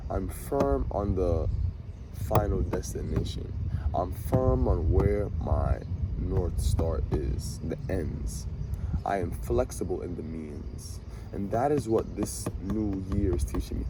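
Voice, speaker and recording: A man in his twenties giving an animated, preachy motivational monologue to camera, talking to himself and his viewers with swagger. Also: deep voice, heavy background noise. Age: 20s. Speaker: vlogger.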